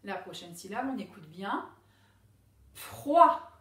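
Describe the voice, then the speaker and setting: A woman teaching a reading lesson to young pupils, speaking slowly and sounding out each syllable clearly. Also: a little high, big pitch swings. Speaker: primary school teacher. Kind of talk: slow classroom reading lesson. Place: classroom with a board. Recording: echoey room, voice a bit far from the mic.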